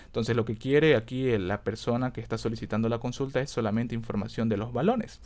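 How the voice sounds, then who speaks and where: A man's voice: medium pitch, brisk, darkish tone. Man teaching step by step, checking in. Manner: self-correcting, thinks aloud. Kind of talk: screen-recorded coding lesson.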